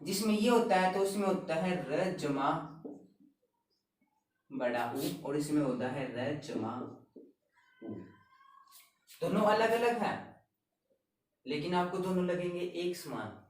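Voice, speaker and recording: A man teaching a grammar lesson, explaining step by step and repeating each word slowly. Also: high-pitched, sing-song. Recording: very echoey room, voice a bit far from the mic.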